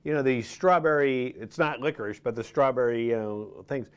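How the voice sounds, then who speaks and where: A man's voice: medium pitch, normal speed, clean tone, lo-fi sound. A man in his fifties chatting casually and ramblingly as a show co-host.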